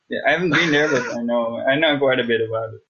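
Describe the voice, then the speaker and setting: A man's voice: medium pitch, fast, highs cut off, background noise. A man from the Netherlands, a native Dutch speaker, chatting casually in English, hesitant, with frequent laughs. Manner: hesitant, restarts, laughs often. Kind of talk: casual podcast chat.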